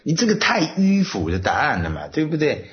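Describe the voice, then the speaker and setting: A man's voice: on the high side, wildly swooping pitch, brisk, highs cut off. A man co-hosting a casual talk show, joking and playful, with lots of interjections. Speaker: co-host.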